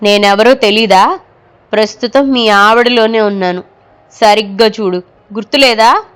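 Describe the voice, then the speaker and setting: A woman's voice: on the high side, a little slow, a bit bright. A woman voicing a mocking female ghost who has possessed a man's wife, speaking in a cackling, menacing manner in an audio story. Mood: taunting.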